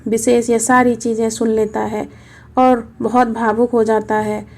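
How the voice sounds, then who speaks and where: A woman narrates a storybook in a steady, earnest way. Her voice is somewhat high but mellow and warm. She moves the story along evenly. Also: measured pace, gravelly.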